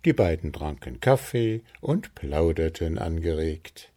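A man narrating a children's storybook in a calm, unhurried, gently playful way. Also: a bass voice.

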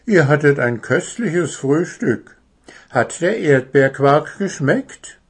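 A man voicing a strict but kind female owl who teaches at a forest school, speaking in a measured teacher's tone. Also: fairly high pitch, expressive, husky, pitched above the performer's own voice, exaggerated voice. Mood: teacherly.

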